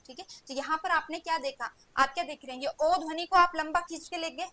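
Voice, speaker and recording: High bright-voiced woman teaching a class. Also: fast talker, no room sound, rough recording. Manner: asks rhetorical questions and answers them, repeating "ठीक है" often. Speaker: Hindi teacher. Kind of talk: online coaching class lecture.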